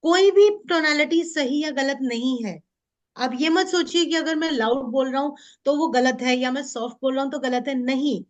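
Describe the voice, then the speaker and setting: Woman coach with a high voice, mixing hindi and english, lively way of teaching. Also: normal speed. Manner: mixes Hindi and English, animated and demonstrative. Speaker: mindset coach and NLP trainer. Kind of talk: interactive training session.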